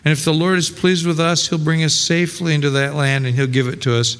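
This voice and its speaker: Male pastor, sermon, slightly high voice, rhetorical questions, long reverb. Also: steady tone, quick pace, fairly bright tone, smooth. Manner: conversational preaching with rhetorical questions and repetitions.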